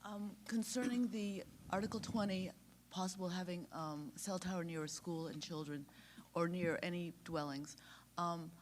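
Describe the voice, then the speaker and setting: A woman commenting at a town meeting, soft-spoken and hesitant. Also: lowish voice, moderate pace, a little hiss or hum. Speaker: resident commenting.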